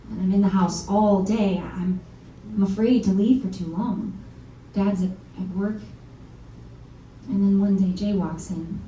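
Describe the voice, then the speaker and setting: Starring in a one-woman musical, an actress gives a stage monologue at a live reading in a small venue, voicing a blunt, self-mocking songwriter of about thirty back in her hometown. She is frank and confessional, swearing offhandedly in a very dark, mellow voice at medium pitch that sounds natural. Heard from afar in the roomy hall, she has a faint instrument behind her and a little hiss or hum.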